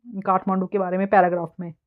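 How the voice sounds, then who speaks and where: An Indian woman teaching an exam-prep lesson, explaining casually and reading English passages slowly and haltingly. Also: mid-range voice, level tone, narrow, tinny audio.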